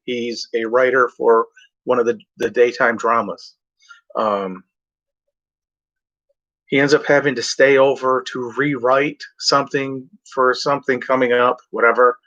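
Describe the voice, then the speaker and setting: A man chatting in a loose, meandering way, drifting from one half-remembered story to the next and cursing now and then. His voice has a bright, forceful edge. The recording sounds dull and lo-fi. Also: mid-range voice, fairly even intonation, unhurried. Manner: meandering, off-script, swears freely. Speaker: vlogger. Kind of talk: rambling casual chat.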